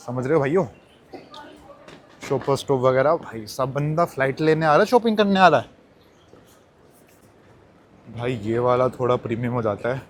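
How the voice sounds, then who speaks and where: A man's voice: medium pitch, background noise. A young man vlogging casually as he walks through a busy airport, talking straight to his viewers like friends. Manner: chatty, addresses viewers as brothers. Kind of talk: casual vlog chat.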